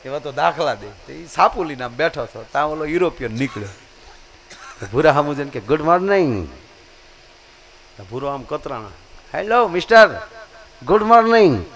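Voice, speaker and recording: A man's voice: medium pitch, lively intonation, moderate pace, long pauses, a bit bright. A man from Gujarat, telling comic folk stories on stage and shifting his voice for each character. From Gujarat, India. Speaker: dayro storyteller. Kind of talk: live comic folk storytelling.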